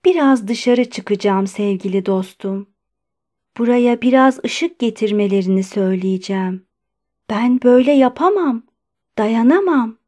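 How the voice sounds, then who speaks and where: A woman reader voicing an aging male doctor who pleads in a high, trembling, strained voice. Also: measured pace, darkish tone. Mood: uneasy.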